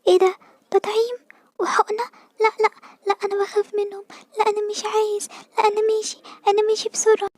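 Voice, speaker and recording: A tiny cartoon boy squirrel played by a woman, terrified of needles. He speaks with an Egyptian accent in a high, squeaky, quick voice that pleads and frets. The recording is close and dry. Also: level tone, mellow, dry recording, close to an everyday voice. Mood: panicked. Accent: Egyptian Arabic. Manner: panicky, pleading. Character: scared little boy squirrel, fearful of shots.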